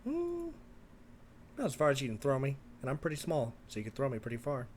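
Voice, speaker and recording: A man's voice: mid-range voice, wildly swooping pitch, a little fast, darkish tone, a little hiss or hum, pitched above the performer's own voice. A man voicing a small, breezy woman bounty hunter in tabletop role-play, coaxing and cajoling. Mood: playful coaxing.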